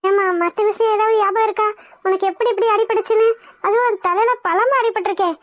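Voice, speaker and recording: A woman's voice: very high-pitched, steady tone, quick pace, dry recording, studio quality. A woman voicing a caring, anxious middle-aged housewife in a cartoon, fussing in a motherly way. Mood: worried, caring. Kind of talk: cartoon voice acting.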